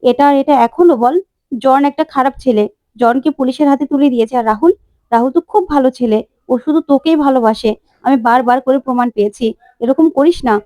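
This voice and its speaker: A woman voicing a gentle young elder sister who soothes and persuades. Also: high-pitched, fast talker, no echo, lightly acted. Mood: persuading.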